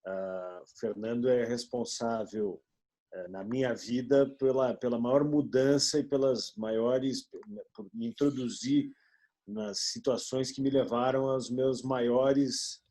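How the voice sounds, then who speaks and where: A man in his forties from Rio Grande do Sul, speaking as a business partner in a video meeting, with halting speech and many fillers. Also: medium pitch, steady tone, mellow. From Rio Grande do Sul, Brazil.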